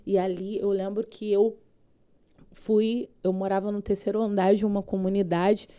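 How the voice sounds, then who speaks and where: A woman's voice: mid-range voice, flat delivery, normal speed, warm tone, clear, resonant tone. A woman pastor with a Brazilian Portuguese accent, telling her personal faith testimony as a podcast guest with fervent, vivid storytelling.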